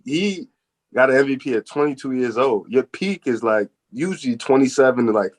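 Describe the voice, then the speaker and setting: A man from New Jersey chatting casually as a podcast guest, with slangy, profane wording. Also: mid-range voice. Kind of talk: casual chat.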